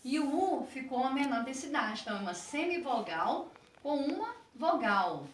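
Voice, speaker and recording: A woman teacher with a Brazilian Portuguese accent gives a video lesson to sixth graders, high-pitched and very animated, explaining slowly and asking the class questions along the way. Her voice sounds distant in a roomy, echoey space with faint noise.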